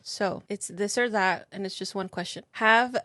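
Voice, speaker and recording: A woman's voice: mid-range voice, moderate pace, pushed and bright, no echo. A woman hosting a casual chat podcast, upbeat and running the segments. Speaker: podcast host.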